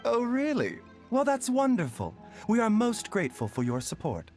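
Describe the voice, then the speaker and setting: A gentle young doctor from an anime game, light-voiced and formal. The speech is measured and courteous, moving expressively across a wide range. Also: male voice, sits high, wildly swooping pitch, faint music behind.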